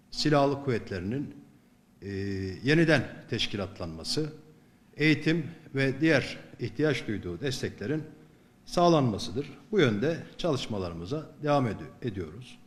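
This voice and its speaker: Middle-aged man, formal, measured officer's delivery. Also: mid-range voice, expressive. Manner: measured, hesitant between phrases. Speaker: military commander.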